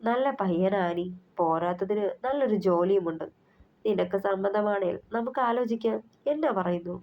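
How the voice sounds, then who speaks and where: A woman's voice: medium pitch, normal speed, lightly acted. A woman voicing a protective older brother, a young man who talks bluntly and scolds his friend. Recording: slightly muffled recording.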